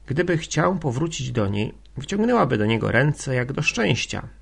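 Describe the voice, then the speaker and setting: A man narrating a classic novel as an audiobook in a steady reading manner. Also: mid-range voice, moderate pace, gravelly, slightly rough.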